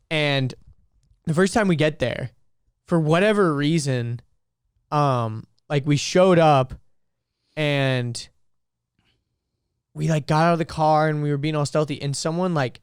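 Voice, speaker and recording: A young man co-hosting a podcast, chatting casually with quick reactions and a rambling story. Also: a little high, clear, resonant tone, no room sound, studio quality. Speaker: podcast co-host. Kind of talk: casual chat.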